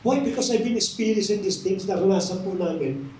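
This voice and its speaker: A man with a Filipino accent, a pastor telling a story in a sermon and slowing down to stress key words. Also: high voice, dark tone. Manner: mixes English into Tagalog, slows for emphasis. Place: church hall. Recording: echoey room, mic at a distance.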